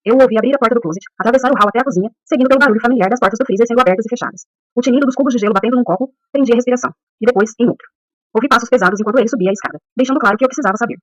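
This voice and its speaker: A woman narrating a first-person audiobook at a brisk, rushing pace. Her reading stays steady and even. The sound is muffled and very dry, with no room around it. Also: fairly high pitch, dry recording.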